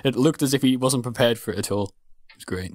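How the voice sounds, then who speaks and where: A man's voice: mid-range voice, fast talker, darkish tone, dry recording, studio quality. A young man co-hosting a podcast, giving blunt, sarcastic opinions on wrestling and swearing often. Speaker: podcast co-host. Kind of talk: casual wrestling recap chat.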